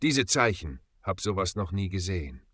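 A jittery, easily scared man who keeps taking notes, as a male narrator puts him on in a spoken story. He speaks in hushed, trembling tones with a bright edge. The recording is dry. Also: low-pitched, big pitch swings, moderate pace, breathy edge, no room sound, heavily acted.

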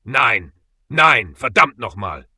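A man's voice: mid-range voice, sing-song, measured pace, bright, forceful tone, no room sound, heavily acted. A man voicing a grieving male mercenary whose voice chokes and breaks as he reads. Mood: anguished. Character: grieving male mercenary, old friend's death.

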